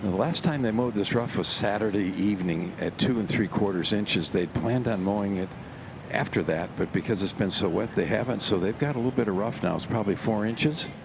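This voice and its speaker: A man's voice: fairly low pitch, a little fast, vocal fry. A man giving easygoing color commentary on golf, explaining course conditions. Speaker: golf analyst. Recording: broadcast with steady background noise.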